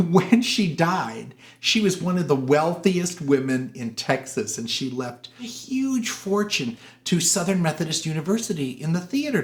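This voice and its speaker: A man hosting a casual film review show, animated and gossipy, sometimes putting on voices for quotes. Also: mid-range voice. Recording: roomy echoey room.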